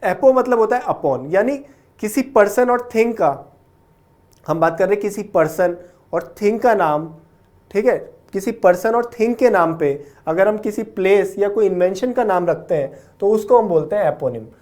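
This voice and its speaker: A patient man explains word roots in a classroom vocabulary lecture, mixing English words into his Hindi and ending points with a checking "okay?". His voice is high with lively intonation, a darkish tone and a moderate pace.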